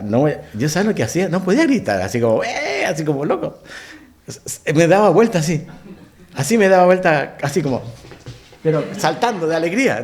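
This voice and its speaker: Animated Chilean pastor telling a story. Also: male voice, a little high. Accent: Chilean Spanish. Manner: animated, asks the congregation questions. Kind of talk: storytelling sermon. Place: church.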